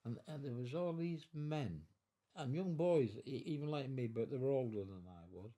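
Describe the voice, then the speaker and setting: A man in his nineties from England, telling his life story in an interview at his home, halting and repeating words, emotional at times. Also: mid-range voice, warm tone. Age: 90s. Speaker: war veteran interviewee. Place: living room of his own home.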